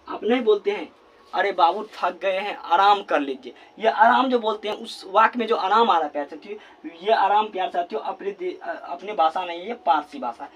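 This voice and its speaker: A male teacher giving a classroom grammar lesson at a board, repeating words slowly as he writes and asking questions he then answers himself. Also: high voice. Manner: repeats words slowly while writing, constant filler phrase.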